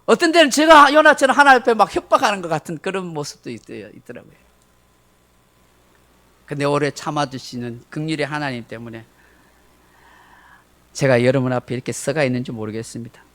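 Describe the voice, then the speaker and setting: Pastor, middle-aged guy, sunday sermon, high voice, really expressive storytelling. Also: brisk, long pauses. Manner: emotive, dramatic storytelling with acted quotes.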